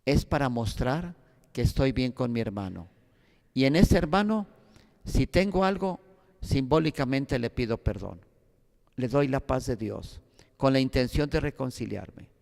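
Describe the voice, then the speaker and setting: Sacerdote mexicano de voz rasposa. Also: male voice, mid-range voice, lively intonation, a little slow, darkish tone, big-room sound. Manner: earnest, exhortative, anecdotal. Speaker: priest teaching a Bible course. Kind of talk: Bible class lecture.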